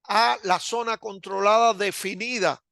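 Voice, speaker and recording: A man delivers a recorded lecture in a fairly high, gravelly voice with a bright edge. He speaks slowly and deliberately, pausing often and restarting phrases. The sound is dry and close. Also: fairly even intonation, dry recording. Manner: slow and deliberate with frequent hesitations.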